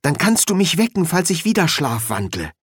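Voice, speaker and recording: A man's voice: fairly high pitch, wildly swooping pitch, normal speed, husky, dry recording, studio quality, voice pushed up, heavily acted. A man voicing an anxious but spirited young actress in a lifted, tense voice.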